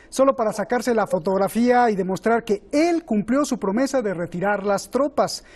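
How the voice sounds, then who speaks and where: A man's voice: sits high, darkish tone. A man hosting a political talk show, putting probing rhetorical questions to his guests. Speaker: host.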